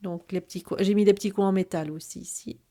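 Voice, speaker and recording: A woman with a noticeable accent hosts a relaxed craft show-and-tell. Her voice is warm and mellow. She pauses often, filling gaps and restarting her phrases. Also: medium pitch. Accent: noticeable French accent. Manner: hesitant, many fillers and restarts. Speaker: craft video host. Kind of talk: casual product presentation.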